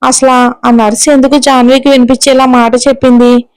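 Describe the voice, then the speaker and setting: A woman storyteller giving scripted narration of a serial audio story in a steady, even reading. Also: sits high, brisk, no room sound, low-quality recording.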